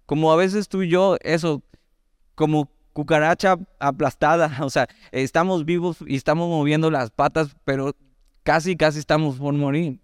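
A Mexican man preaching in a relaxed, conversational sermon style, with a Mexican Spanish accent. His voice is smooth and resonant at a mid pitch. It is recorded close and dry, with no room sound. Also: dry recording. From Mexico, Veracruz. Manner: conversational, animated asides, reads scripture slowly. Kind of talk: sermon, Bible teaching.

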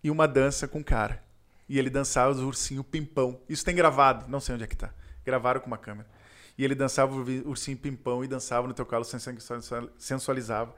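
A man from southern Brazil with a Gaúcho accent, telling a story in casual chat, animated and slangy, acting out the voices of the people in it. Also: medium pitch, fast. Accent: Gaúcho Brazilian Portuguese. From Rio Grande do Sul, Brazil.

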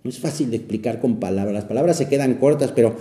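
A man, a priest, leading a guided prayer meditation in an unhurried, reflective way, often pausing and restarting his phrases. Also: mid-range voice, mellow. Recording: roomy echo.

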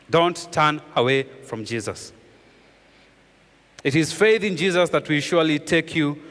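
A man preaching a sermon as pastor, earnestly repeating key phrases and dropping his voice low for emphasis. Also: a bit bright, long reverb tail.

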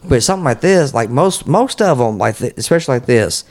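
A man's voice: medium pitch, lively intonation, fairly quick, darkish tone. A man in a casual podcast chat as a guest, rambling in a folksy way and cursing often. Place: at home.

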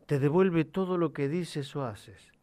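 A man voicing a gentle, wise father who patiently explains life to his young son in a soft, calm voice. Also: a little high, unhurried, lightly acted. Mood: tender, wise.

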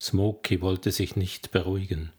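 A man narrating an audiobook novel in a measured, even storytelling manner. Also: low voice, slightly rough. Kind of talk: scripted narration.

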